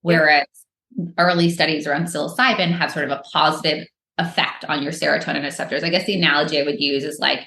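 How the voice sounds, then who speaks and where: A woman from the United States speaks fast in a deep, steady voice that sounds pushed and bright, with a little hiss or hum in the background. She's a podcast guest and microdosing entrepreneur, answering casually with many fillers and restarts, recorded with roomy echo.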